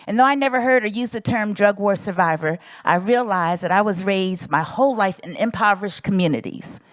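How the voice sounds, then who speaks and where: A woman's voice: medium pitch, fairly quick, no room sound. A middle-aged woman from South Central Los Angeles giving an earnest, emphatic prepared speech as an invited advocate.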